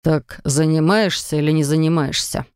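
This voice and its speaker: A woman reading an audiobook, putting on the voice of a stern, domineering husband who speaks coolly and slowly. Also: steady tone, a little mellow, smooth, dry recording, clean studio sound. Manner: cool, clipped, low and unhurried. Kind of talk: audiobook narration.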